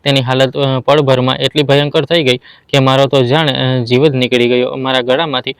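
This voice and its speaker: A man narrating a family drama story in a steady, even storytelling manner. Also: mid-range voice, normal speed, clean tone, dry recording. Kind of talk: scripted narration.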